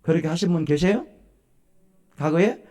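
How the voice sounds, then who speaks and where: A man's voice: on the high side, moderate pace. A male pastor giving a sermon at a church service, telling stories and asking questions of the congregation. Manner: animated storytelling, questions to the congregation.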